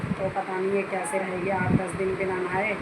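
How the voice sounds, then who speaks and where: A woman's voice: medium pitch, completely flat delivery, moderate pace. Chatty mother vlogging at home. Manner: chatty, repeats herself, addresses viewers as guys. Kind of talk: casual home vlog. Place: home kitchen. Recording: noisy home phone recording.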